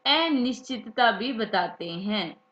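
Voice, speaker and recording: A woman's voice: a little high, lively intonation, slow, a bit bright. A woman teaching a grammar lesson, who repeats key words and asks them back to her students as questions. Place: classroom or study room, writing examples. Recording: echoey room, dull lo-fi sound.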